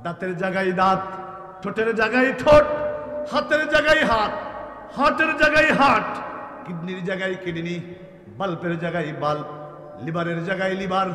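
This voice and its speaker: A man preaching a sermon, chanting verses melodically, building to shouts and calling on the crowd to answer aloud. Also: high voice, brisk, pauses often. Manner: calls on the audience to answer aloud. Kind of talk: Islamic sermon. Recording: echoey hall, long reverb, PA sound.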